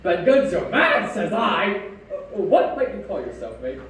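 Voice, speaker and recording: A scrawny, half-mad castaway, acted by a man on stage, rambles in a slow, swooping, sing-song voice and calls himself by name. It is heard from far back in a very echoey hall. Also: high voice, sing-song, fairly bright tone, heavily acted. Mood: eager. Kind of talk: live stage play. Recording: echoey hall from far off, faint background noise.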